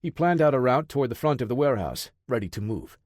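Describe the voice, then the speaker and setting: A man narrating an action thriller audiobook in a steady, dramatic way. His voice sits in a middling pitch, recorded dry and close. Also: fast talker, dry recording. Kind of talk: scripted narration.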